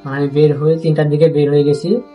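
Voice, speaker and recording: A young man with a Rajshahi Bengali accent tells a personal story, stopping and restarting and repeating himself often. His voice sits slightly high for a man yet sounds dark and mellow. Faint music plays underneath. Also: flat delivery. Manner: halting and repetitive, with many restarts. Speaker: interviewee.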